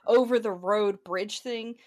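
A woman's voice: mid-range voice, unhurried, dry recording, studio quality. A woman joining a podcast conversation, teasing the others and laughing often. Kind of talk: casual chat.

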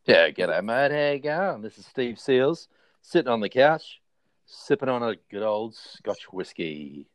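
A man's voice: mid-range voice, expressive, a little slow, no echo. An Australian man co-hosting a casual podcast chat in a laconic, easygoing way. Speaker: podcast co-host.

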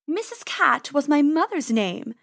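A woman voicing a sly female farm cat who purrs her words in a slow, menacing drawl. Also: high-pitched, sing-song, gravelly, a bit bright, no echo, studio quality, voice pushed up, exaggerated voice. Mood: silky menace.

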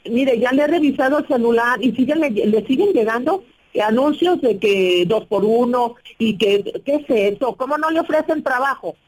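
A woman's voice: fairly high pitch, expressive, normal speed, darkish tone, low-quality recording. Worried woman caller. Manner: worried, complaining. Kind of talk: phone-in call.

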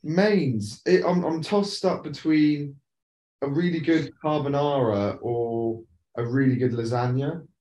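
A man's voice: mid-range voice, steady tone, measured pace, mellow. A man co-hosting a podcast, chatting casually in a laid-back, rambling way and swearing now and then. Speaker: podcast co-host. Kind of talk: casual chat. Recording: roomy echo.

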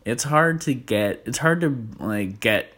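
A man's voice: mid-range voice, lively intonation, slow, a bit bright. A man hosting a casual music monologue, rambling with lots of fillers and restarts. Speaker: music podcast host.

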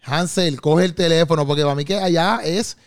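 A man's voice: fairly high pitch, fairly quick, very noisy. A man co-hosting a podcast in casual chat, bantering playfully and repeating himself as he talks. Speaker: podcast co-host.

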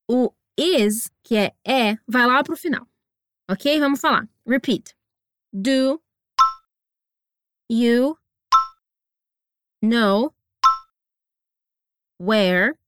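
A woman with a high, bright-pitched voice runs a scripted English lesson. She is encouraging and stretches words out slowly for pronunciation drills. Close, dry studio sound. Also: smooth, no room sound. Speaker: English teacher and podcast host. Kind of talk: scripted language lesson narration.

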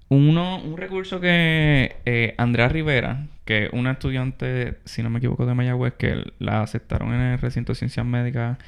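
A man's voice: medium pitch, vocal fry, clean tone. A young man, hosting a casual advice podcast and often restarting his words. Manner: restarts words, mixes in English terms. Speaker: podcast host.

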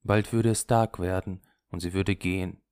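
Low-voiced male audiobook narrator. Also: steady tone, normal speed, darkish tone, smooth, no echo, clean studio sound. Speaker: audiobook reader.

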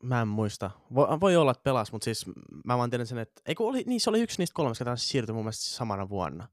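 A man hosting a football quiz on a podcast, reading clues slowly and deliberately. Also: medium pitch, very animated, no echo, clean studio sound. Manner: slow deliberate clue reading, then hesitant. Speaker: podcast co-host, quizmaster.

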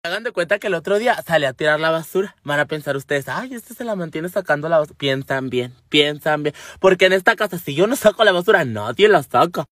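A man's voice: high voice, a bit bright, dry recording, clean studio sound. A man playing a brash, foul-mouthed woman with a Mexican accent, telling stories in a salty, gossipy comic monologue. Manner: salty, gossipy, rambling storytelling.

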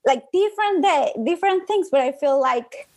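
A young woman with a Colombian accent, whose first language is Spanish, speaks in a high-pitched voice with lively intonation at a moderate pace. She's a guest on a conversational podcast, telling her own story as the owner of a digital marketing business.

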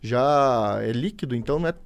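A young man, a firefighter, chatting casually and easily, pausing now and then to recall details. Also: medium pitch, clear, resonant tone. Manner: relaxed, easygoing, pauses to recall details. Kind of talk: casual chat.

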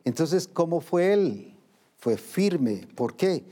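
Man preaching a sermon, mellow tone, slightly high voice, acts out believers' voices. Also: very animated, slow pace.

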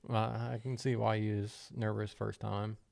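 A man from the Midwest co-hosting a podcast, chatting in a relaxed, slangy way with short replies. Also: on the low side, moderate pace, vocal fry. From American Midwest. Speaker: podcast co-host. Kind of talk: casual podcast chat.

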